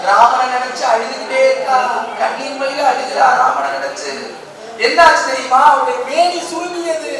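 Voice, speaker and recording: A woman's voice: sits high, a bit bright, slight background noise. A woman giving a devotional storytelling discourse in a large hall, dramatic and emotional, firing rhetorical questions at her audience. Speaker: religious discourse speaker. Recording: very echoey hall, far-off mic.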